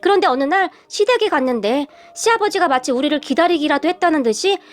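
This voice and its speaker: A woman's voice: sits high, expressive, quick pace. A woman narrating a family story in the first person, in a chatty, confiding way.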